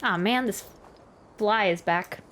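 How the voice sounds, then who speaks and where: A woman gaming streamer gives casual gameplay commentary, musing playfully and reading game text aloud over the game's music. Her voice is medium-pitched, slow, and fairly bright, with a slight hiss or hum.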